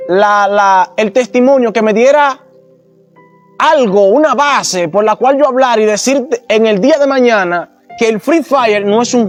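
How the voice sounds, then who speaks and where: A man from the Republic, giving an earnest, somewhat halting personal testimony. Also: high voice. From Dominican Republic. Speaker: testimony giver.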